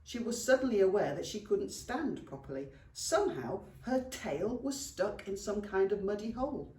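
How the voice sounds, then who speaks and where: Reading a children's story aloud to young pupils, this British woman is expressive and animated, addressing them with fondness as a teacher would at storytime. Her mid-range voice moves at a moderate pace. There's a little hiss or hum, plus roomy echo from a distant mic.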